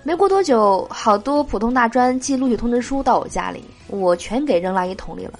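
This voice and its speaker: Cheerful female joke-show host, lively pitch, nasal from a cold. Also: fairly quick, soft background music. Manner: cheerful, laughs at her own jokes. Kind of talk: reading jokes aloud.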